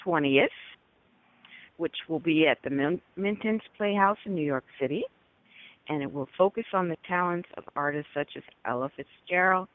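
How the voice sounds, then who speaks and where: Woman radio host on a tinny line. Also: deep voice. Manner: formal, with small slips and self-corrections. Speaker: radio talk show host. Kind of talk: reading guest introductions, interviewing. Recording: narrow phone-line radio sound.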